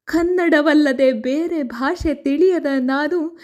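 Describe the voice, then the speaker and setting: A woman's voice: sits high, slow, darkish tone, pitched above the performer's own voice. A woman voicing a dying one-eyed old mother who tenderly pleads with her son in a letter. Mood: tender sorrow.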